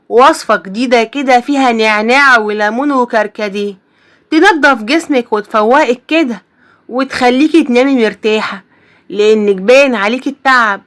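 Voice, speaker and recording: A woman's voice: a little high, lightly acted. A woman with an Egyptian accent voicing a scheming young sister who coaxes sweetly and insistently in a storybook tale. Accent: Egyptian Arabic. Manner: coaxing, sugary insistence. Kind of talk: storybook voice acting.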